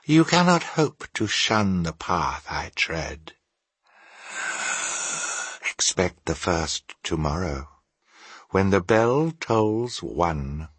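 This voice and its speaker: In a theatrical storybook reading, a man voices an anguished, remorseful male ghost, wailing solemnly in a slow, declamatory style. His pitch sits low and the delivery is very animated, heavily acted, and slightly rough, recorded with no echo. The mood is one of solemn warning.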